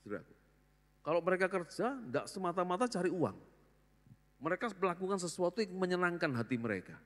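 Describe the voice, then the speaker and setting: An older pastor, his voice sitting a little high for a man, preaches with lively, jokey energy and acts out the people he talks about. He is recorded in a large church hall, and his words ring on in a long reverb. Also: a little fast. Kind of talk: sermon.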